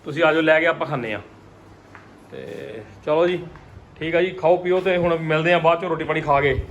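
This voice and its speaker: A man's voice: fairly high pitch, animated, brisk, lo-fi sound. A man with a Punjabi accent chatting casually and teasingly on a family vlog, often repeating himself. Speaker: family vlogger. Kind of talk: casual home vlog chat. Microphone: phone held by the speaker. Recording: noisy handheld home recording.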